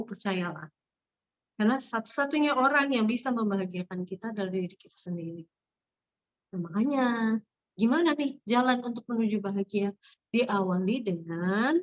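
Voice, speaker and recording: A woman's voice: medium pitch, highs cut off. Chatty Indonesian woman giving a religious talk. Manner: chatty and warm, asks the audience, laughs often. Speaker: religious study speaker. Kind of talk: informal religious talk to migrant group.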